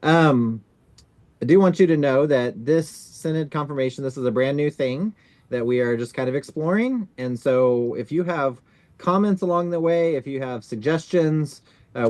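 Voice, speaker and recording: Man hosting a relaxed video call. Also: mid-range voice, dry recording. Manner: relaxed, many fillers like "kind of". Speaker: synod staff leading a video-call orientation.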